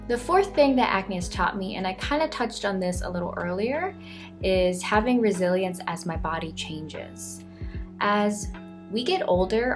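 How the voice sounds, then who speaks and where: Earnest woman in her twenties, soft music behind. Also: on the low side. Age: 20s. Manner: earnest, soft-spoken, reflective. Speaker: vlogger. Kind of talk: reflective vlog monologue.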